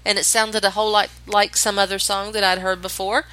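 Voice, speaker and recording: Chatty woman recapping, bright voice. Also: medium pitch, flat delivery, brisk, rough recording. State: stuffy-sounding. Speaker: podcast co-host. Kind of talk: casual chat.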